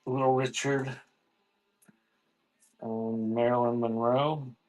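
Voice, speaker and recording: A man with a mid-range voice hosts a live online auction of cassette tapes, calling out items in loose, off-the-cuff livestream sales patter. His pitch barely moves and his pace is slow. The recording quality is low.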